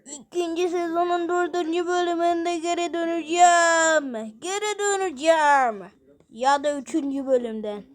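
A woman's voice: extremely high pitch, measured pace. A woman voicing a boastful villain robot in a game video, talking in a gloating, taunting way. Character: boastful villain robot that keeps coming back.

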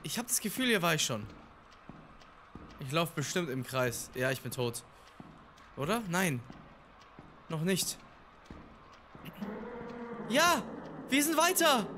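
A young adult gamer giving excitable, swearing horror-game let's play commentary to viewers, yelping at the scares. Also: medium pitch, a little hiss or hum.

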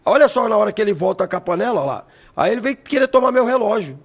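A male chef, a podcast guest in a studio, telling an excitable story and repeating his phrases as he narrates a clip. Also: high voice, fast talker, slightly rough.

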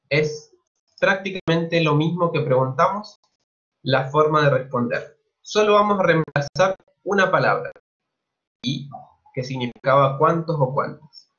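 A man with a Chilean accent teaching a Mandarin lesson online, speaking slowly and patiently and repeating each new word twice. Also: a little high, fairly bright tone, lo-fi sound.

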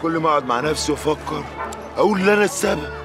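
An actor playing a distraught working-class brother blaming himself, in Egyptian Arabic. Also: male voice, on the high side, expressive, very fast, music in the background, close to an everyday voice. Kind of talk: TV drama acting.

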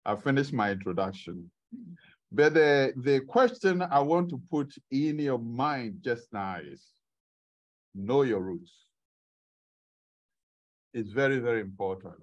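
The audio is dull: a middle-aged man with a mid-range voice preaches in a church meeting room, captured by a camera at the back. He is unhurried and keeps asking the congregation questions.

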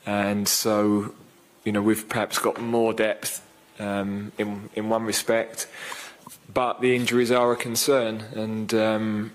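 At the press conference following the game, a male football manager in his fifties speaks thoughtfully into a desk mic, stumbling through many fillers and restarts. His fairly low voice stays monotone throughout.

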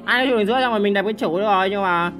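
Young man, gaming commentary, high voice, bright tone, bursts of repeated words, faint game music behind. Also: racing. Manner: shouting, repeating words in bursts, swearing at teammates. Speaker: gaming streamer. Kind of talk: excited gameplay commentary.

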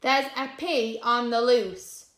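A woman voicing a brave male potato superhero who declares and commands loudly, recorded in an echoey room. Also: fairly high pitch, steady tone, takes it slowly, pitched above the performer's own voice. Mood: determined. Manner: loud, commanding. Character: heroic male potato superhero, bold and determined.

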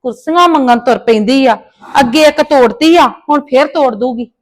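High-voiced sarcastic scolding woman. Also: moderate pace, no echo. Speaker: taunting neighbour. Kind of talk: Punjabi village family drama acting.

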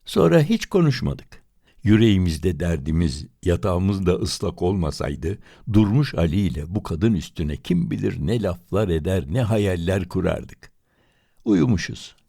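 Male audiobook narrator, dramatic, expressive, husky, mellow. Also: low-pitched, no room sound, clean studio sound. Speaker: audiobook reader.

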